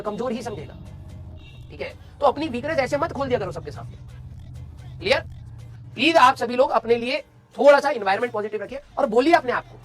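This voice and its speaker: Fast-talking motivational male teacher. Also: extremely high pitch, a bit bright. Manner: blunt, scolding yet encouraging, asks "clear?". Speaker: coaching teacher. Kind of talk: motivational class talk.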